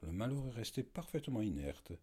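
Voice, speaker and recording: Deep husky guy reading a novel out loud, expressive. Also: fairly quick. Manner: expressive storytelling. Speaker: audiobook narrator. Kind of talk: literary narration.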